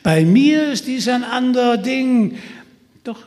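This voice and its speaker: A man's voice: very high-pitched, lively intonation, slow, darkish tone, voice pushed up, exaggerated voice. A man voicing a sly, scheming male forest spirit who mocks and persuades, with long reverb around him. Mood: mocking. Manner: mocking, persuasive, jeering.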